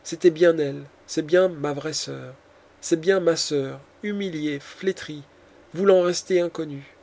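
Panicking count, read by a man, frantic, anguished, gravelly, audiobook reading. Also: a little high, measured pace, a little mellow. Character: terrified panicking nobleman, a count.

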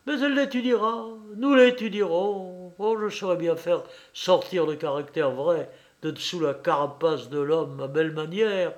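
A man's voice: on the high side, normal speed, hardly any pauses, dull audio, lightly acted. A man reading the part of a shrewd, devoted young hunchback who speaks fervently and slyly.

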